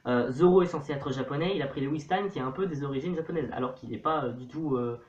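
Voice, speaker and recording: A man's voice: mid-range voice, fast talker, darkish tone, lo-fi sound. Chatty young man in an echoey room. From Portuguese-Brazilian family background. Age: young adult. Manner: chatty, playful self-mocking irony. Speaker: youtuber. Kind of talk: casual vlog to camera.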